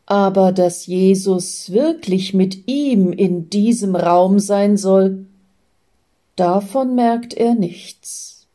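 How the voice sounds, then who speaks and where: A woman calmly reading aloud a spiritual story in a measured, even way. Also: mid-range voice. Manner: slow, calm, measured reading.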